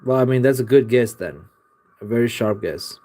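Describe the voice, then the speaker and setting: Streaming from his home art studio, this young adult artist answers viewers in a warm, medium-pitched voice at a normal speed. His talk is casual and meandering, peppered with profanity and frequent "like" fillers.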